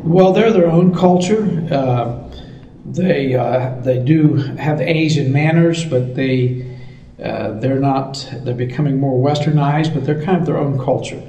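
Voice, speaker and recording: A man with an American accent giving halting, conversational answers in an interview as a missions director. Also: mid-range voice, dark tone, dull audio. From United States. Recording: roomy echo, distant mic, faint noise.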